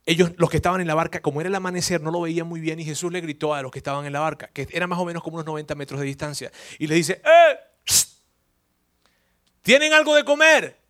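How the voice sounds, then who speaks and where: A man's voice: a little high, level tone, racing, hardly any pauses. A man preaching a sermon through personal story, emotional, repeating words and asking the congregation questions.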